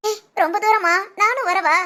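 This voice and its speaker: A woman voicing a shrill worried cartoon mother. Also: normal speed. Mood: anxious. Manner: anxious, hushed pleading. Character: worried middle-aged village mother. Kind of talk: animated family drama dubbing.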